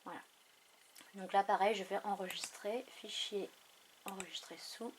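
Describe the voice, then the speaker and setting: A woman hosting a craft tutorial, thinking aloud in an unhurried way with many fillers as she works on a computer. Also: mid-range voice, fairly even intonation, slight background noise. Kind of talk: casual screen tutorial narration. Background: mouse clicks.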